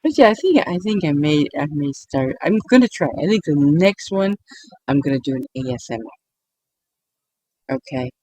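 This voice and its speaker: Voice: mid-range voice, sing-song, normal speed, a little mellow, no room sound, rough recording. A YouTuber giving a casual late-night monologue meant to help people sleep, rambling with frequent restarts and often breaking into giggles.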